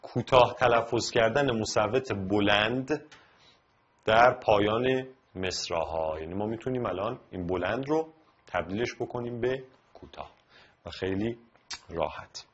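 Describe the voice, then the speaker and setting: A male literature teacher with an Iranian Persian accent gives a recorded lesson on poetic meter, dividing lines of verse into syllables one at a time. His voice is fairly low, and the audio sounds dull.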